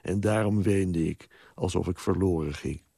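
A man reciting a poem in a slow, solemn way. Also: sits low, vocal fry. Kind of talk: poetry recitation.

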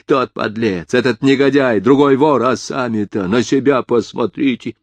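A man voicing a sullen, rough young male prisoner who talks curtly and coarsely. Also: sits low, darkish tone, no room sound. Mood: contemptuous. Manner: coarse, curt, drawn-out.

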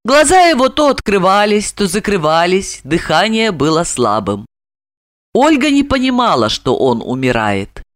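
Woman narrator, lively melodic reading, dry close recording, audiobook narration. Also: mid-range voice, moderate pace, no echo. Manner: expressive storytelling. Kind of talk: scripted narration.

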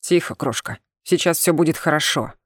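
A woman doing a gruff alien man. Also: low voice, normal speed, dry recording, studio quality, voice pushed down. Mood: gruff soothing. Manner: growling, curt commands. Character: gruff tailed alien man, brusque rescuer. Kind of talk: audiobook character voice.

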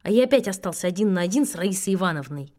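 A woman reading a children's story aloud in first person, lively and expressive. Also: on the low side, very fast. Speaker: audiobook reader.

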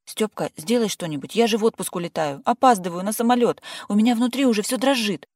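A reader voicing a nervous young woman stuck behind her door, anxious and quick to snap back. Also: medium pitch, a little mellow, dry recording, studio quality, voice pushed up, lightly acted. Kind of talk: audiobook character voice.

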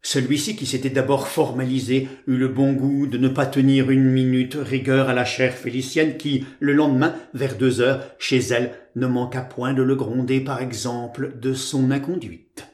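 Audiobook narrator: man, measured and literary, in a roomy echo. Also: mid-range voice, flat delivery, darkish tone. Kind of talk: scripted narration.

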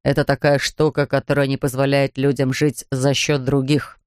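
A man voicing a pompous older male surgeon, gruff and sarcastic. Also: medium pitch, monotone, normal speed, dry recording, studio quality, voice pushed down, natural voice.

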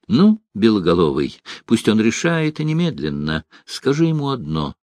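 A shrill, sulky sea-siren woman, vain and demanding, as a male narrator puts her on. Her voice sweeps up high and swings with lively pitch, slow and drawn out. It sounds dry and close. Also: no echo. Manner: shrill, whiny and indignant.

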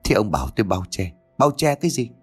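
A man voicing an older father who protests in agitated, questioning outbursts, his pitch jumping high. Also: sing-song, quick pace, slightly rough, soft background music. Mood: indignant. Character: grieving older father, bewildered and defensive.

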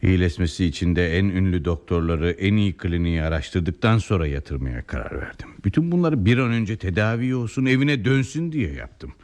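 An actor playing a stern, reproachful elderly father in old radio theatre style, lecturing with deliberate emphasis. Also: deep voice, sing-song, a little mellow. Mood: defensive, pained.

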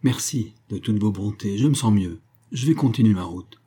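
A weak, grateful male traveler, as a male reader voices him, speaking in a faltering, unsteady way. The tone is low and dark with a husky grain, close to the reader's own. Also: animated, normal speed. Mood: shaky gratitude. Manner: faltering, moved. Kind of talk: audiobook character voice.

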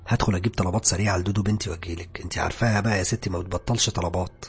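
A man's voice: deep voice, steady tone, rapid-fire, breathy edge, soft background music, heavily acted. A man doing a joking Egyptian coworker. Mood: friendly. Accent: Egyptian Arabic. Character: friendly young male colleague, joking and easygoing.

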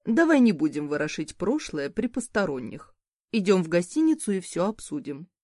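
A woman's voice: fairly low pitch, very animated, moderate pace, a little mellow, no echo, clean studio sound. A woman reading an audiobook, voicing a smug, mocking nobleman. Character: smug nobleman Bastian, young man's father.

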